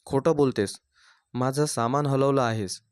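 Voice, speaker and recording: A man's voice: mid-range voice, unhurried, darkish tone, smooth, no room sound, clean studio sound, natural voice. Man doing a jealous young sister-in-law, taunting and scornful, no room sound. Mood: angry.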